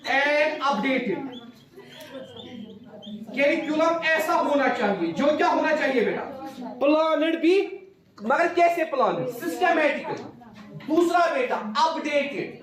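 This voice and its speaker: A male teacher giving a classroom lecture who keeps calling his students "beta" and repeats each key point as a question to the class. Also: very high voice. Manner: mixes Hindi with English terms. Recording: echoey classroom.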